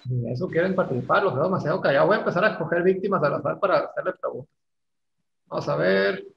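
A man's voice: a little high, fast talker, gravelly. A man teaching an English class, explaining step by step and teasing his students. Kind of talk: online class lecture. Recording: echoey room, dull lo-fi sound, faint noise.

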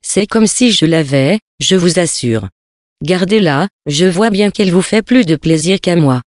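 A reader voicing a sly old male beggar who plays dumb in a slow, mock-humble way, in a storybook reading. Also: mid-range voice, expressive, dry recording, studio quality, natural voice. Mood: teasing. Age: older.

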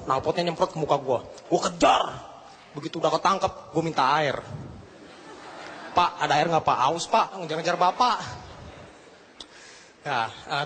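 Comic with a raised voice. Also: male voice, fairly high pitch, a bit bright. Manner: slangy Jakarta banter, self-mocking punchlines. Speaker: stand-up comedian. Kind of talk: stand-up comedy routine. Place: TV studio stage before a live audience. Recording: TV broadcast with crowd and noise.

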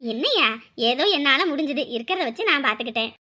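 A woman playing a fussy, warmly scolding mother figure in a family drama. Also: high voice, animated, quick pace. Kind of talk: dubbed family serial drama.

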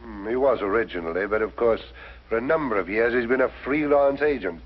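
An actor playing a dutiful police inspector with an English accent, formal, earnest and a little hesitant, in a 1950s mystery drama. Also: male voice, mid-range voice, fairly quick, close to an everyday voice. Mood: matter-of-fact. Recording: dull 1950s soundtrack with music.

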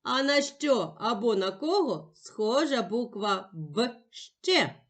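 A woman teaching young children in a patient, emphatic way, sounding out each letter slowly. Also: fairly high pitch, expressive. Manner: patient, sing-song and emphatic, spelling out sounds one by one. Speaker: primary school teacher. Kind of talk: slow, clear classroom instruction for young children.

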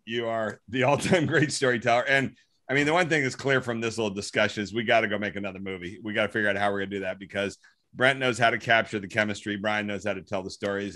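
A man's voice: lowish voice, pushed and bright. A man hosting a casual conversation, upbeat as he wraps things up and thanks his guests. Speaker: host.

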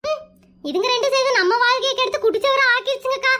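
A woman voicing a sharp-tongued, gossiping village wife in a comedy cartoon. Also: very high voice, fast talker. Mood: gossipy. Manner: chatty, teasing, scolding.

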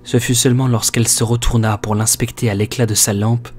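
A man narrating a horror audiobook with measured, expressive storytelling. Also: mid-range voice, slight background noise. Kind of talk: dramatic audiobook reading.

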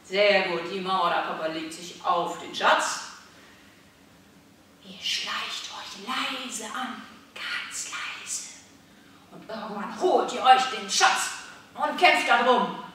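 A woman teaching a lively martial arts lesson to small children, asking questions and answering them herself. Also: medium pitch, slow, far from the mic, a little hiss or hum. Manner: animated, asks questions and answers them, shouts examples. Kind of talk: children's online workout lesson. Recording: roomy echo, voice from the mic.

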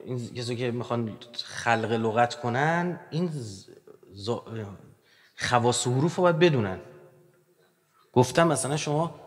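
Lively male lecturer in a reverberant hall. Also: mid-range voice. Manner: animated, joking, swings between loud and quiet. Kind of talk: religious lecture.

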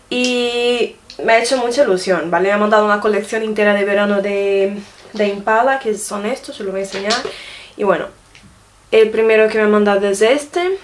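A woman's voice: mid-range voice, a little hiss or hum. A woman casually reviewing makeup gifts, showing each item to the camera and often checking in with her viewers. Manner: chatty, often checks in with a quick question tag; shows items to the camera while talking. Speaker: beauty vlogger.

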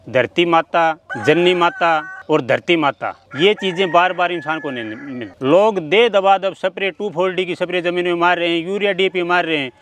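A middle-aged poultry farmer, interviewed outdoors among his chickens, explains his work earnestly, one step at a time. His voice is high and a bit bright, at a moderate pace with hardly any pauses, and there's a faint hiss or hum. Clucking and crowing fill the background, heard through a handheld mic at mid distance.

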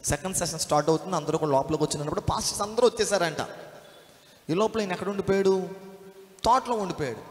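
A man's voice: sits high, fast, pauses often. A man preaching a sermon, storytelling and firing rhetorical questions at the congregation. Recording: echoey hall.

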